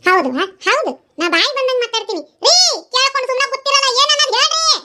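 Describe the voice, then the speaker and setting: A woman's voice: extremely high pitch, very animated, fast talker, bright, forceful tone, exaggerated voice. A woman voicing a nagging middle-aged mother in a cartoon, scolding and mocking in a North Karnataka Kannada accent.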